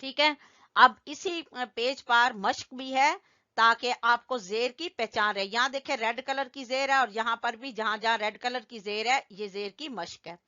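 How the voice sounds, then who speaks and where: A woman with a bright, crisp, fairly high voice teaches recitation at an unhurried pace. She spells out letters and vowel marks one by one, patiently repeating them and gently correcting her learners. The recording is slightly muffled and lo-fi. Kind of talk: slow drilling lesson with call-and-response.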